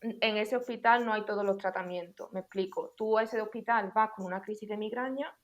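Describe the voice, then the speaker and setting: Young woman cohost, mid pitch, lays out her points step by step. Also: a little fast. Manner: clear, explanatory, organized. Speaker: podcast co-host. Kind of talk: casual conversational podcast.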